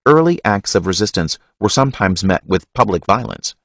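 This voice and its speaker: A man reading a history audiobook in a measured, expressive narration. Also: on the low side, no echo, clean studio sound.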